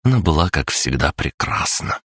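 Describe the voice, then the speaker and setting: A man narrating an audiobook in a measured, even first-person telling. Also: extremely low pitch, dry recording, studio quality.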